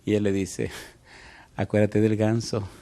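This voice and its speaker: Male pastor, sermon, storytelling, questions to the congregation, soft to loud bursts. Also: lowish voice, level tone, measured pace. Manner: storytelling preacher, swings from soft to loud exclamations; asks the congregation direct questions.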